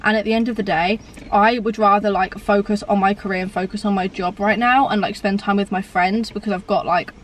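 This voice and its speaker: A woman's voice: mid-range voice, fairly even intonation, fairly quick, recorded from a distance, slight background noise. An eighteen-year-old woman chatting casually to camera as a vlogger, with lots of "like". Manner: chatty, filler-heavy, lots of "like". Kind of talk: casual mukbang chat to camera.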